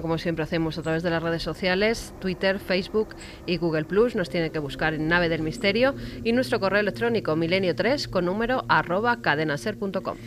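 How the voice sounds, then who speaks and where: A woman co-hosting a radio talk show, clearly announcing how listeners can get in touch. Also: deep voice, noisy background. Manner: clear, announcing contact details.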